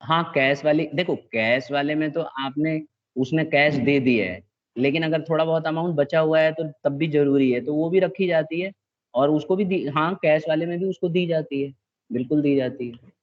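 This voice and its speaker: A male teacher lecturing a class with a patient, step-by-step delivery, often stopping to make sure the students follow. His voice sits a little high for a man. The recording sounds dull and lo-fi. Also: normal speed. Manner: patient, checks understanding often, mixes in English terms.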